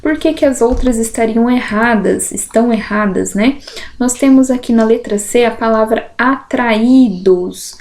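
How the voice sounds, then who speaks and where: A woman teacher with a somewhat high but mellow, dark-toned voice. She goes through exam questions step by step. She breaks words into syllables and keeps checking in with the listener. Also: a little slow. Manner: syllable-by-syllable explanation, uses diminutives and "né".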